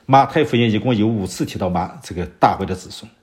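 A man with a fairly low-pitched voice preaches an expository sermon, stepping through Bible verses and asking rhetorical questions. Now and then he fills pauses while searching for references.

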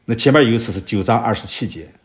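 In an expressive voice on the low side, a man walks through Bible passages in an expository sermon. He asks rhetorical questions and sometimes falls back on fillers while he looks for references.

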